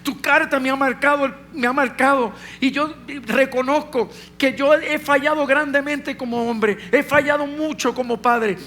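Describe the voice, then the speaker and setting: A man's voice: very high voice, steady tone, normal speed, hardly any pauses, bright, forceful tone, voice pushed up. A man voicing a remorseful older father who pleads with his son for forgiveness during a sermon story. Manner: pleading, repeated apologies.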